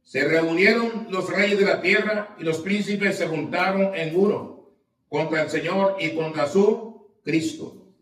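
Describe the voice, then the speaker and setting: A man's voice: high-pitched, slow pace, fairly bright tone. A male pastor preaching a sermon, reading scripture and asking the congregation questions. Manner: preaching with call-and-response questions; reads scripture aloud with rising emphasis. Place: church sanctuary. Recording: echoey church, mic at a distance.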